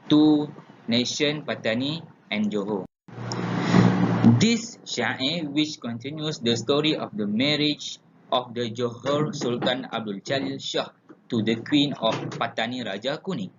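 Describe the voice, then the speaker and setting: A young man with a Malaysian accent reading a class presentation aloud, stumbling and restarting now and then. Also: mid-range voice. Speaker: student presenter. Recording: lo-fi with clear background noise.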